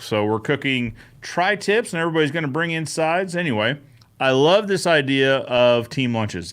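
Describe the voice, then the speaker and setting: A man's voice: medium pitch, fairly bright tone. A man hosting a casual live-stream Q&A, upbeat and chatty, greeting viewers by name between answers. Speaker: host of a live Q&A show.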